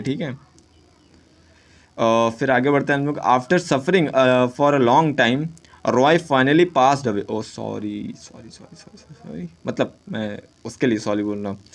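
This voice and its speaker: A man teaching exam idioms in casual Hindi mixed with English, often saying "ठीक है", reading English sentences out slowly and correcting himself as he goes. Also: medium pitch. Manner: self-correcting, jokes with students.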